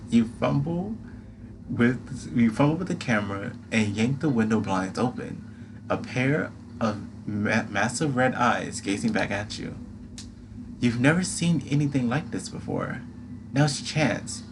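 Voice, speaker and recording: A man's voice: mid-range voice, animated, unhurried. A man reading a game's second-person story aloud as narrator, with dramatic delivery. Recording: clear background noise.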